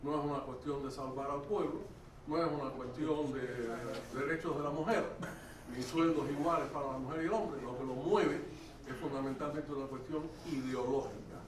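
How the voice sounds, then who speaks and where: A man's voice: medium pitch, steady tone, normal speed, background noise. A man in the audience of a conference making an insistent, emphatic argument, heard from a distance in a hall. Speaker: audience member commenting. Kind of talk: impassioned audience comment. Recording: echoey hall from afar, crowd behind.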